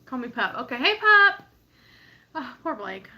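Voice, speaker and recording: A woman's voice: sits high, big pitch swings, a little slow, sharp tone. A woman co-hosting a casual livestream chat, giggling often as she talks. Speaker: co-host.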